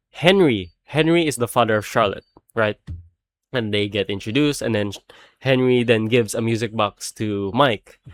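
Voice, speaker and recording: Non-native english guy ranting about a movie, cussing and laughing a lot, mid pitch, dry close mic. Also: no room sound. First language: not English. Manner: animated, swears often, laughs while talking. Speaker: video creator reviewing a film. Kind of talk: casual plot rant.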